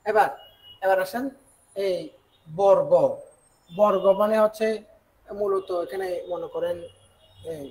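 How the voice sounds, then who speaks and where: Guy from bangladesh going over exam questions, kinda high voice, repeats words a lot, bit of hiss behind. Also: steady tone, darkish tone, rough recording. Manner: repeats key words, asks quick check questions. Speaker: exam tutor. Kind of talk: exam question walkthrough lesson.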